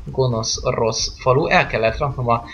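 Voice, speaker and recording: A man's voice: medium pitch, fairly even intonation, fairly bright tone, muffled recording, slight background noise. Rambling, jokey man commenting on a game. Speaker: gameplay commentator. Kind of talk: casual let's-play commentary.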